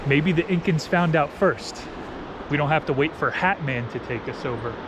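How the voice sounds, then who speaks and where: Out camping, a man from New Jersey with an American accent and a somewhat high voice talks at a moderate pace over a noisy background. As a travel vlogger, he chats casually, tells stories, and keeps things slangy and playful.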